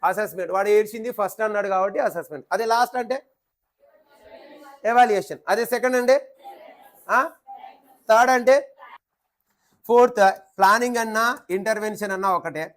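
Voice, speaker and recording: A man's voice: sits high, fairly quick, pauses often. A man teaching a nursing exam class, quizzing students and repeating key playfully. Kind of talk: classroom lecture with call-and-response questions.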